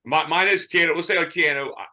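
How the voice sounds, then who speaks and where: A man with a bright, forceful voice and a slightly high pitch tells an animated movie story. He rants freely and slips into impressions as he talks. The feel is a relaxed podcast chat. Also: quick pace. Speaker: podcast co-host.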